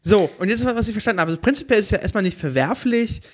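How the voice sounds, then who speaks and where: Man, high pitch, husky, casual joking chat. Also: lively intonation, very fast. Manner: joking, reacts with quips and laughter. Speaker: podcast co-host.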